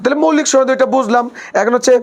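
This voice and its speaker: A man's voice: extremely high pitch, racing, vocal fry. A man teaching a live online class. He repeats each point several times, leans on a habitual filler phrase, and teases his students playfully between explanations.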